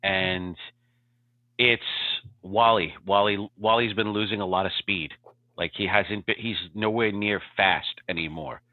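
Male podcast co-host, low-pitched, animated storyteller, phone-quality line. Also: a little slow, dry recording. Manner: animated storytelling, repeats "okay?" to check in. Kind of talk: casual podcast chat.

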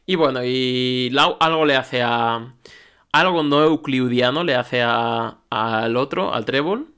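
A man's voice: medium pitch, slow, a bit bright, smooth. Man, podcast co-host, casual chat, wry, jokey. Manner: wry, joking, acts out quotes. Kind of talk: casual chat recapping manga chapters.

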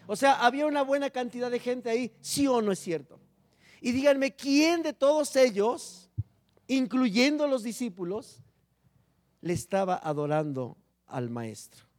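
A man preaching with a high voice. His delivery swings dramatically, with loud emphatic phrases and then low, hushed words. The pitch leaps around a lot from line to line. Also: animated, unhurried. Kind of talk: sermon.

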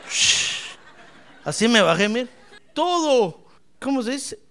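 Animated, gravelly-voiced male pastor preaching. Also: very high-pitched, a little slow, a faint crowd. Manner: animated, playful, asks the congregation questions; bursts into shouts then drops to soft asides. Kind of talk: lively sermon.

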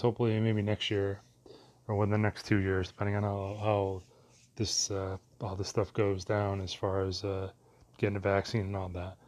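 Male vlogger, lowish voice, loose meandering casual talk, lots of fillers. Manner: meandering, many fillers, mild cursing. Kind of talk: casual rambling monologue.

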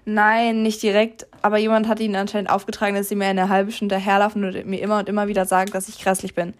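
A young woman voicing an upset, tearful schoolgirl in her fan fiction, softly and subdued. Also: medium pitch, little pitch movement, quick pace, close to an everyday voice. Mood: hurt.

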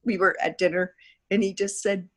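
Guesting on a podcast, this woman, a theatre producer, spins lively anecdotes in a relaxed interview, chatting away and acting out what people said. She speaks at a moderate pace in a mid-range, fairly bright voice with fairly even intonation.

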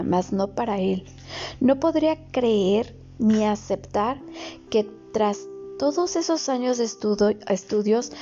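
A woman reading a reflective story aloud in a slow, measured way, with occasional slips and restarts. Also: fairly high pitch, dark tone. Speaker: narrator. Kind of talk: read-aloud reflective narration. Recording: dull lo-fi recording with faint music.

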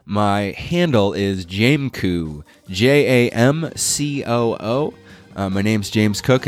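A man hosting a podcast, sounding stuffed up from a cold as he reads a steady, informative segment. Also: fairly low pitch, dry recording. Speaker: podcast host.

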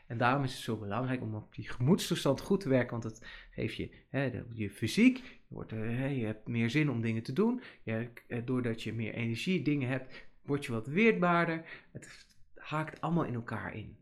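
Man, thirties, podcast host, casual rambling monologue, lively swings in loudness. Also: mid-range voice, normal speed. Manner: chatty, rambling, many fillers and restarts.

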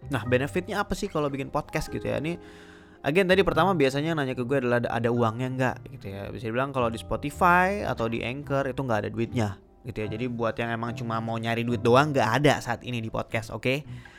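A young man with Jakarta slang hosting a casual solo podcast, talking fast with many filler sounds. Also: medium pitch, a bit bright, soft background music. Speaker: podcast host.

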